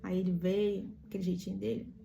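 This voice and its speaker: Mellow-voiced woman preaching emphatically. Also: medium pitch, little pitch movement, brisk, creaky, a little hiss or hum. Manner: emphatic storytelling with rhetorical questions. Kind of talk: morning devotional reflection.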